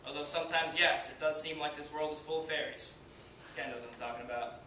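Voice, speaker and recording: A young man playing a cocky, foul-mouthed baseball star, giving a swaggering halftime pep speech with deliberate pauses. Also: fairly high pitch, steady tone, lightly acted. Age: young adult. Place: indoor hall, stage area, far camera. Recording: distant, very echoey room, faint noise.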